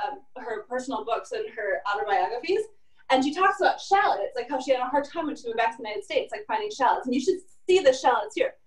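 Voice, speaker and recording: Woman, high voice, chatty cooking demo, home kitchen, echoey and off-mic. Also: distant mic. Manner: chatty, lots of fillers like "like" and "kinda". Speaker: cooking instructor. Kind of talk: casual cooking demonstration. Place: home kitchen in an old apartment.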